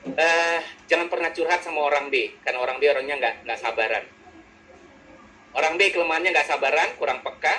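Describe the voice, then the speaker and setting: A male psychologist giving a lively webinar lecture over a video call, joking and acting out personality types in quick quoted voices. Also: on the high side, a little hiss or hum, rough recording.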